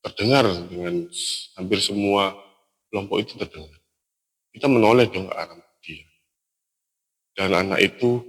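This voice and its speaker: A young man telling a story from a mountain hike in a relaxed, halting way, pausing and restarting often. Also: lowish voice. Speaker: storyteller recounting a hiking trip. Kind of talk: casual spoken storytelling.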